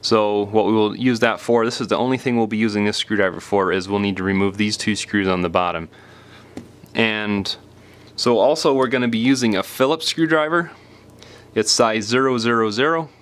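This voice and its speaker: A man with a lowish, fairly bright voice hosts a do-it-yourself repair tutorial at a normal speed. As he demonstrates, he explains each step in a plain, informal, casual way.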